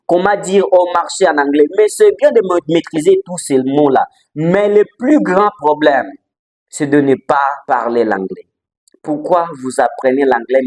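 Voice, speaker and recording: Man teaching english, lively emphatic delivery, repeats for emphasis, faint music underneath. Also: a little high. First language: not English. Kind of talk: motivational language lesson. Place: language training center in Likasi.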